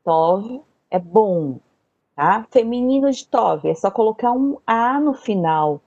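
Slow, patient woman teaching a class. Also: mid-range voice, expressive, dark tone, dry recording, dull audio. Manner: slow, patient, repeats words for learners. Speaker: Hebrew teacher. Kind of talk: online Bible language lesson.

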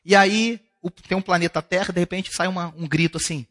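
A man's voice: high voice, steady tone, brisk, fairly bright tone. A male pastor preaching a sermon at a church service, talking to the congregation in a conversational way and asking them questions.

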